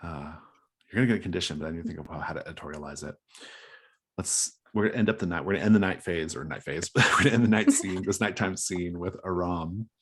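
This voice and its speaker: Male game master, deep and slightly husky, improvising tabletop narration in a halting, thoughtful flow. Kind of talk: running a tabletop role-playing game.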